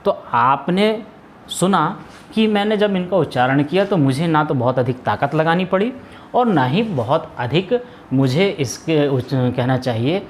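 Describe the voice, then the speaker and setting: A man's voice: fairly high pitch, lively intonation, measured pace, slight background noise. A man teaching a Hindi grammar lesson, asking questions and then answering them himself, with frequent hesitations and restarts. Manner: explains step by step, asks and answers his own questions. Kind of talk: classroom lesson.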